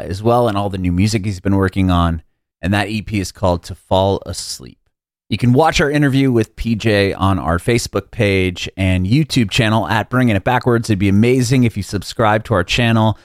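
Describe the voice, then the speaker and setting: A man's voice: on the low side, normal speed, no echo, studio quality. A man hosting a podcast interview over a video call, with an easygoing manner and frequent laughter. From San Diego, USA. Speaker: podcast host. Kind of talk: casual interview chat. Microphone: video call mic.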